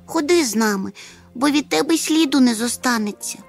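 Woman doing a tiny nervous creature guy in an audiobook, squeaky high and pleading. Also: expressive, normal speed, gravelly, soft background music. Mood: coaxing. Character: small anxious male creature, fretful and pleading. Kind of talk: audiobook character voice.

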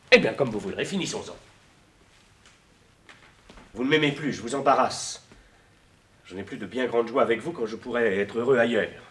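An actor playing an anxious, jealous young lover who stammers and pleads in 1950s French stage style. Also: male voice, medium pitch, natural voice. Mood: wounded. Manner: stammering, pleading, rising to indignant outbursts.

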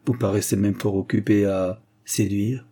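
A man reading an audiobook, voicing a proud, quick-witted young baroness with dry, cutting repartee. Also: on the low side, steady tone, mellow, slightly rough. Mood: sly.

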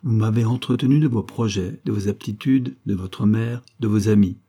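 A man's voice: fairly low pitch, normal speed, warm tone, breathy edge. A man voicing a poised, ironic young foreign woman who teases her suitor. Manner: mocking, poised, teasing.

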